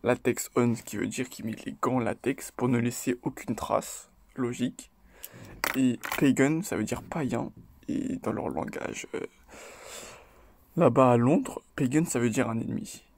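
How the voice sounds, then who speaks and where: A man hosting his own video, talking through rap lyrics in a loose, chatty way, hesitating often and tagging his points with quick check-ins. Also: mid-range voice, slightly rough. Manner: loose and chatty, tags lines with "ok?" and "voilà"; hesitant, with frequent fillers and restarts. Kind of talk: casual spoken commentary.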